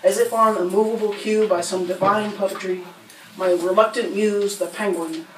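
An American poet reads her spoken word poems at a standing mic in a bookstore reading room, with a rhythmic, rhyming delivery and small laughs between pieces. Her voice is mid-range with fairly even intonation and a moderate pace. Filmed from a distance, she sounds far off and roomy, with background noise.

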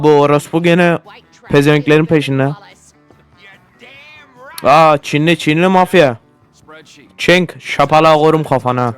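Excitable, foul-mouthed gaming man with a smooth voice. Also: fairly high pitch. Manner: profane, excitable, often yelling at the game. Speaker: gaming YouTuber. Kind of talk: casual gameplay commentary.

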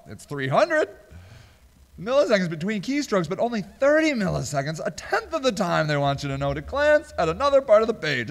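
A man with a high, bouncy voice riffs sarcastically as a show host, laughing in disbelief. His voice rings with a long reverb, as if in a big hard room. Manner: giggly, incredulous, sarcastic. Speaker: host of a small business video show. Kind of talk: casual comedic commentary.

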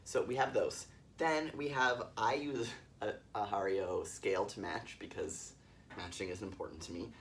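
A man's voice: fairly low pitch, moderate pace, a bit bright, recorded from a distance. A man hosting a casual coffee-making vlog in a yurt, explaining in an easygoing, wordy way. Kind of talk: casual chatty demonstration. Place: yurt in the mountains.

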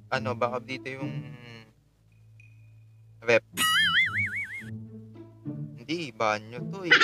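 A young Filipino man playing a horror game, chatting nervously and laughing, with his voice jumping high when startled. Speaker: gaming streamer. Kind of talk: Let's Play commentary.

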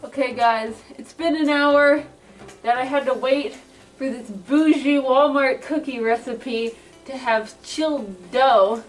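A woman's voice: high-pitched, slow, soft background music. A young woman chatting in a sarcastic, self-mocking way in a home kitchen, her voice muffled inside a costume head. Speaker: vlogger. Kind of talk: casual vlog chat.

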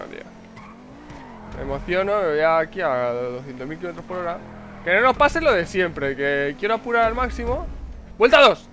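A man from Spain commentating his own racing game live, excitable and swearing, repeating words in rapid bursts. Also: high-pitched. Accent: Spain Spanish. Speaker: gameplay commentator. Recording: faint game noise behind.

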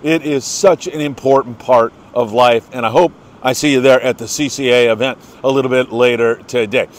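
An older American man with a medium-pitched, steady-toned voice hosts a fishing report show at a moderate pace. The program is casual, and he comes across as chatty, folksy and eager, naming people to congratulate them.

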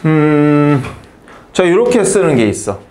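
A male teacher explaining grammar in a relaxed, conversational way, often asking a question and answering it himself. His voice sits a little high for a man and rises and falls with plenty of movement. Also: takes it slowly, a little hiss or hum. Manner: explains patiently in short spoken phrases, asking and answering his own questions. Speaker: English teacher. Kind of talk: casual grammar lesson in Korean.

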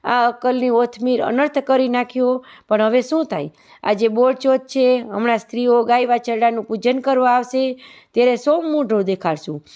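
A woman narrator voices an older village widow, the mother-in-law of a religious fable. She speaks a little high, scolding and devout by turns, with little change from the storyteller's own voice. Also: moderate pace, a little mellow, smooth, lightly acted.

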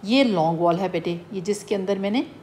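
A woman teacher with a Pakistani accent explains a poem to students, mixing English terms into her speech and dictating English definitions very slowly. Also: mid-range voice, a little mellow, a little hiss or hum. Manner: addresses students as "beta".

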